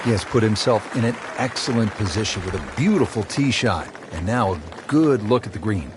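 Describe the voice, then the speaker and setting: A man's voice: on the low side, animated, fairly quick, background noise, close to an everyday voice. A man playing a composed, admiring television golf commentator calling a scripted sports broadcast. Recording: crowd and music behind broadcast voice. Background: crowd ambience and music.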